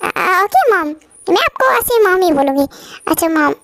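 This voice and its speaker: Woman playing a soft-spoken young bride in a fan dub, very high voice, dry sound. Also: big pitch swings, moderate pace, no echo, full character voice. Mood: polite. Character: sweet, eager young wife.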